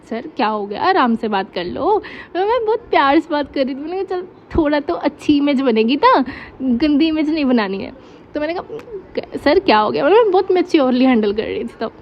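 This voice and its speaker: A young woman telling a college story in a casual storytime, chatty and animated, acting out the dialogue. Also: sits high, highs cut off, slight background noise. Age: young adult.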